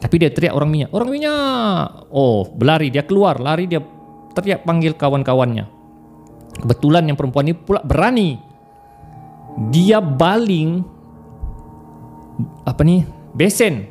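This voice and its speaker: A young man telling a story casually, animated and laughing often as he mimics voices. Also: fairly high pitch, measured pace, pauses often, soft background music.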